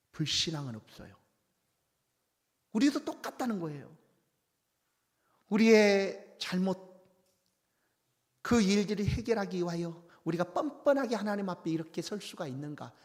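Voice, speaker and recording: Male pastor, fairly high voice, fervent sermon delivery that drops to a whisper and then rises to shouts, long church reverb. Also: animated, normal speed, long pauses. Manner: swings from hushed whispers to loud impassioned outbursts. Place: church sanctuary.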